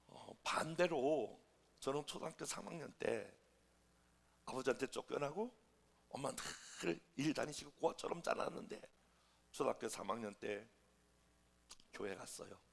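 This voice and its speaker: A middle-aged man preaching a sermon as a pastor, telling stories and acting out voices, shifting between shouts and whispers. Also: mid-range voice, moderate pace, creaky, pauses often. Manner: animated storytelling, acting out quoted voices, shouting then whispering. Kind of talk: sermon with storytelling. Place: church sanctuary.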